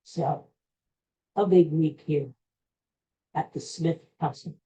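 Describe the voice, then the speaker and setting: A middle-aged American woman, hosting a podcast by herself, takes her time in a low, mellow voice with fairly even intonation. She rambles in a folksy, conversational way, trailing off now and then, on a dull lo-fi recording.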